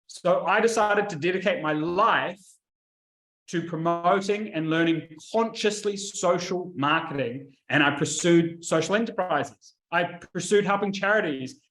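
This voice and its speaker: A man speaks casually to camera as a marketing coach, his voice sitting a little high. He tells his stories with lively, animated asides. The sound is roomy, with a clear echo around him. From New Zealand. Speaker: marketing coach and video host.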